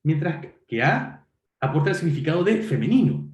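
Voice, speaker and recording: The roomy-sounding recording captures a male university lecturer, lively and high-voiced, moving at a moderate pace through an online linguistics lecture. Frequent "perdón"s mark his self-corrections as he explains and checks in with students.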